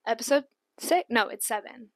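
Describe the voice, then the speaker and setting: A woman's voice: fairly high pitch, moderate pace, fairly bright tone, no room sound. A woman in her twenties co-hosting a podcast in casual, giggly chat. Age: 20s. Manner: giggly, chatty, upbeat. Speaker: podcast co-host.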